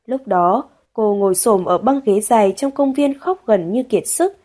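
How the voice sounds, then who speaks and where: Mellow-voiced woman narrating an audiobook. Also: mid-range voice, animated, unhurried. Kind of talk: audiobook narration of a romance novel.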